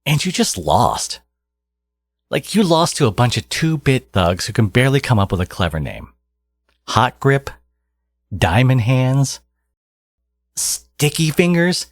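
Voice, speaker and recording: In a scripted audio roleplay, a man with a husky, medium-pitched voice plays a theatrical, possessive supervillain, heavily acted and dramatically emphatic. He sounds grandiose, exasperated and scornful toward his archnemesis, with no room sound at all.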